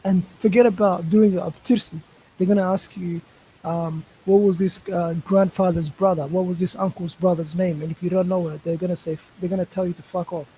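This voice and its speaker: A man with a fairly high but soft, mellow voice joins a casual stream panel as a guest. He trips over his first words and repeats himself, then states his point with conviction, with a faint hiss under the call. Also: steady tone, a little fast, low-quality recording. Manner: hesitant starts, repeats words, then speaks firmly. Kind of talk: casual online panel discussion. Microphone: voice call over a live stream.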